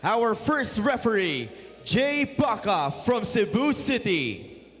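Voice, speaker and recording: A man's voice: sits high, very animated, a bit bright. A man announcing referees and starting players over the PA, stretching out each name. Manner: slow, drawn-out announcing of names. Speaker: arena announcer. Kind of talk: player introductions over the arena PA. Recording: long reverb of a big coliseum.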